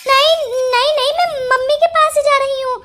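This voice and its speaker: Woman voicing a scheming young wife, very high. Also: steady tone, moderate pace, sharp tone, soft background music. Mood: defensive. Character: scheming young wife, sweet-talking liar. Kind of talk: Hindi cartoon voice acting.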